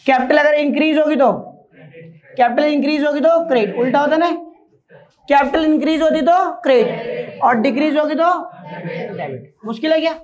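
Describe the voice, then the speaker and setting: High-voiced male teacher quizzing students. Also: fairly quick, long pauses, a little mellow. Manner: drills rules by repeating them and quizzing students. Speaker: accounting teacher. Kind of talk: classroom lecture. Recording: dull lo-fi recording.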